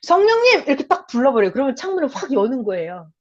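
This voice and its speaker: A woman's voice: a little high, big pitch swings, very fast, darkish tone. A woman preaching a sermon emphatically, calling out prayers with force. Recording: dull lo-fi sound with faint music.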